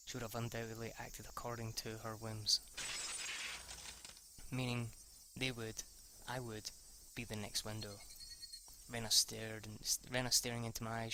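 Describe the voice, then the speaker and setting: A man whose voice sits on the low side reads a visual novel aloud over background noise, playing the part of an amateur let's player. He stumbles on words and rereads lines, and when he reacts spontaneously he's casually crude.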